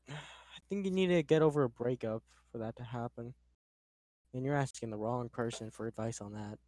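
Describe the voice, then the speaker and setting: A man's voice: medium pitch, moderate pace, darkish tone, no room sound. A young man co-hosting a casual chat, rambling with many filler words. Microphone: own microphone on a tripod.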